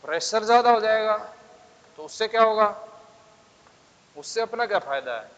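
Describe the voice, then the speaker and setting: Male classroom teacher, slightly high voice, keeps quizzing the class; dull, echoing hall sound. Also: animated, normal speed, a bit bright. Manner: coaxing, keeps asking the class questions. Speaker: physics teacher. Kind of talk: classroom lecture. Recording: dull sound with long reverb.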